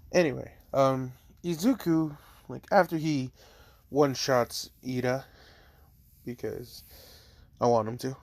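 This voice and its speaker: A man narrates a fan story casually, his voice medium-pitched and darkish with no echo. He rambles, says "like" constantly, swears now and then, and talks between bites of food.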